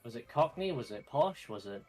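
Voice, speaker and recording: A man's voice: medium pitch, sing-song, moderate pace, darkish tone. Brief: man streamer, playful banter, mid voice, game music behind. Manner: joking, playful. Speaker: gaming streamer. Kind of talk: casual chat while gaming.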